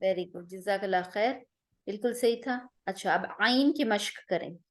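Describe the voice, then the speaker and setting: A woman's voice: medium pitch, moderate pace. A woman teaching a Quran recitation class online, patiently drilling sounds with repeated vowel examples.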